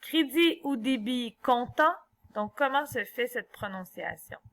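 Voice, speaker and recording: A woman teacher talks slowly through an online exercise, thinking aloud as she works. Her voice is bright and fairly high. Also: expressive. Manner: slow, explanatory, thinking aloud. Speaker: French teacher. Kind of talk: tutorial walkthrough of an online exercise.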